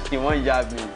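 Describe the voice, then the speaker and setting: A Nigerian man in his thirties, hosting a casual livestream and reading out viewer comments, chuckling and reacting as he goes. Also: medium pitch. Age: 30s.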